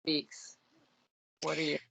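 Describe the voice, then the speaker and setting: A woman's voice: fairly bright tone, no echo. A woman speaking in an online meeting, her video call audio corrupted and cutting out. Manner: halting, with many fillers. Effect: corrupted, glitchy audio cutting out. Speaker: regional staff member running a council meeting.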